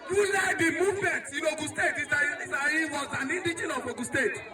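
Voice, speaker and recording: A man's voice: extremely high pitch, fast talker. A Nigerian man giving a declamatory, emphatic protest speech outdoors to a crowd, repeating rallying phrases. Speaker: protest speaker. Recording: echoey crowd recording from far off.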